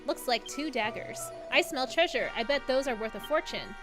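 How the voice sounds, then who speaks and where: A woman's voice: sits high, animated, moderate pace. A woman streaming a game live, chatting bubbly and giggly, reading out viewer comments and humming along. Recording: game music playing behind.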